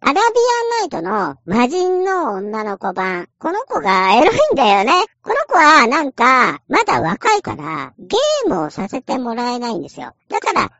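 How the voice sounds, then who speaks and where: A woman's voice: on the high side, a bit bright, no echo, highs cut off. A woman casually explaining a game in a chatty, playful way, acting out little quotes as she goes.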